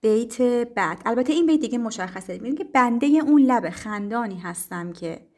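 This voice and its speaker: A woman teacher explaining poetry to her students, speaking patiently with frequent pauses and fillers. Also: fairly high pitch, expressive. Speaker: literature teacher.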